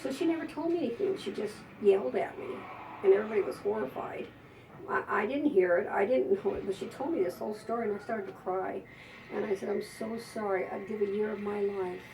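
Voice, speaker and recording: A woman's voice: medium pitch, fast, warm tone, far from the mic, slight background noise, low-quality recording. An older woman, a psychic, telling rambling anecdotes to an audience with frequent laughs. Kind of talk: storytelling to an audience.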